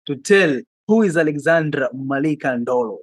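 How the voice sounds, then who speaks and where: A man hosts an interview in a dry, close sound. He talks haltingly, repeating words and filling pauses as he hunts for his questions. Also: fairly high pitch, animated, no echo. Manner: hesitant, repeats words, many fillers. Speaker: podcast host. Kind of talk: hosting an interview.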